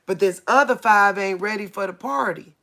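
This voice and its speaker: A woman hosting a faith livestream, speaking a casual prophetic message to viewers in a halting way, searching for her words and repeating herself. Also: mid-range voice, fairly bright tone.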